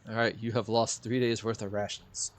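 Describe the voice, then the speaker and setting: A man running a tabletop game as game master, playful and lively. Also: on the low side, moderate pace.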